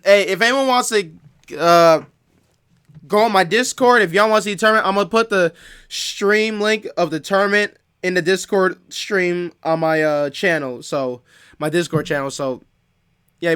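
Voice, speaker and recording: A man's voice: high-pitched, moderate pace, sharp tone, smooth. A male streamer making sarcastic, mocking asides while watching a show. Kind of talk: casual stream commentary.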